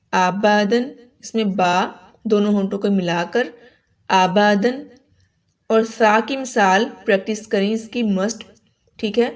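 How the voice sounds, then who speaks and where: A young woman teaching an online Quran recitation lesson, patiently explaining letter sounds and drawing them out slowly for students to repeat. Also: medium pitch, darkish tone. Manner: patient, repeats letters slowly for practice, often checks "ٹھیک ہے؟".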